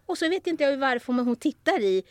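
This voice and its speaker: With a high voice, a woman hosting a podcast tells a story casually, lively as she voices each person in it. There's no echo.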